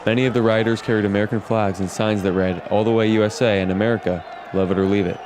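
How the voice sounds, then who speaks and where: A man acts as an earnest TV news anchor reading a scripted report. His voice is on the low side and moves very quickly, with background noise behind it. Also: steady tone, lightly acted. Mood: brisk, earnest.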